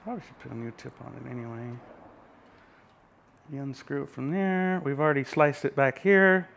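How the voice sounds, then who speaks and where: A man's voice: mid-range voice, steady tone, normal speed, vocal fry, fairly bright tone, a little hiss or hum. A man in a home workshop, chatting in an easygoing, folksy way while he welds and explains his steps. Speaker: home welder and mechanic. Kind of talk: casual workshop how-to vlog.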